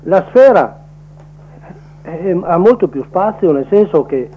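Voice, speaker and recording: A man's voice: high voice, animated, takes it slowly, husky. A man calling into a radio show over the phone, speaking in a plainspoken, earnest way. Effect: heard over the phone line. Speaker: radio call-in caller. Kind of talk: casual opinion on air. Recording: muffled phone-line audio.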